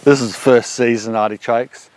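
A man's voice: medium pitch, moderate pace. A man in his forties with an Australian accent, casually showing his backyard food garden outdoors while walking, recorded on a handheld camera. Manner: relaxed, chatty explaining while walking. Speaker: homesteading vlogger. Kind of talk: casual garden walk-through. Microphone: handheld action camera.

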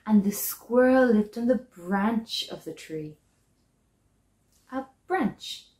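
A young woman telling a children's story and teaching signs, signing while speaking with deliberate phrasing and pauses. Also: medium pitch, animated, darkish tone. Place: small living room, indoors, seated on a sofa. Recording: echoey living room.

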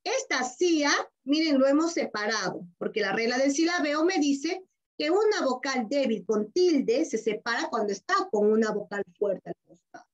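Over dull, lo-fi video call audio, a Peruvian woman speaks in a high-pitched, animated voice at a moderate pace. She teaches a primary class online with a Peruvian Spanish accent, patiently and affectionately drawing out answers through questions and repeated key words.

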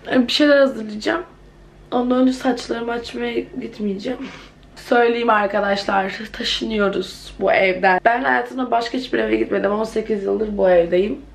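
Chatty gravelly-voiced eighteen-year-old woman vlogging. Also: on the high side. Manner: chatty, dramatic storytelling with exclamations. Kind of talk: casual vlog chat to camera. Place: at home indoors.

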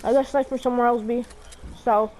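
A woman with a slightly high voice chats casually as she games with a teammate, using slang and calling out warnings. Very loud gunfire noise runs through the recording. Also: fairly even intonation, a little fast. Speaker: gamer playing as teammate. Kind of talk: casual gameplay chat. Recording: very noisy game audio with gunfire. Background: loud video game gunfire and clicks.

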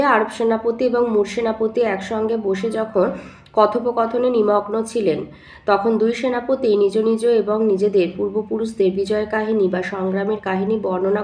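A woman's voice: medium pitch, a little mellow. Lady teacher reading out test questions then the answers, kinda echoey room. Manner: explains step by step, reads questions then dictates answers. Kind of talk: exam answer walkthrough lesson.

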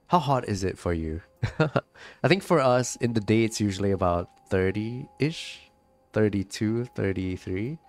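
A man's voice: lowish voice, expressive, measured pace, soft background music. A sick man with a stuffy, nasal voice and a cough, chatting casually on a live stream and reading out viewer comments. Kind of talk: casual live-stream chat while gaming.

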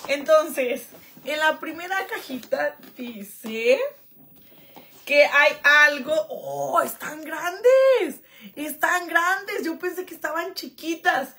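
A woman's voice: sits high, animated, slow, pushed and bright. A young woman, chatting casually through a live unboxing and reading out viewer comments. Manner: chatty and self-joking, reads out viewer comments. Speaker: vlogger doing a live unboxing. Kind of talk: casual live-stream chat.

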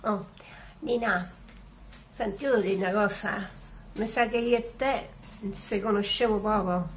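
A woman's voice: medium pitch, measured pace, slight background noise, lightly acted. An actress playing a blunt, teasing woman in a comic sketch. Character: blunt Roman woman calling herself Tosca. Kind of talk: comic theater dialogue.

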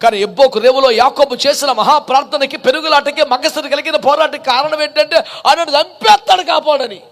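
A man's voice: very high-pitched, fast talker, vocal fry, a bit bright. A man preaching a sermon as a pastor, impassioned and rhetorical, firing off repeated questions.

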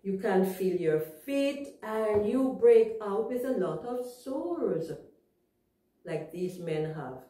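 Slow, expressive woman telling a kids' story. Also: mid-range voice. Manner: gentle, asks children questions, explains simply. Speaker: Sabbath school teacher. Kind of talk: storytelling lesson for young children. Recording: echoey room, far from mic.

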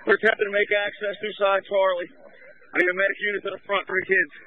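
A man's voice: high-pitched, level tone, fast talker, no room sound. A man commanding at a fire scene, giving terse radio updates over a two-way radio. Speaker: fireground incident commander. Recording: tinny narrowband fire scanner radio.

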